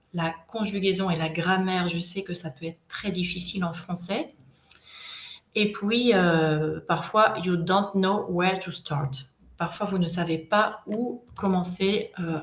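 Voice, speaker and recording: Teaching a live online workshop, a French woman in her thirties switches between French and English, hesitating often but staying patient and encouraging. Her pitch is fairly low, and the recording has an echoey room and slight background noise.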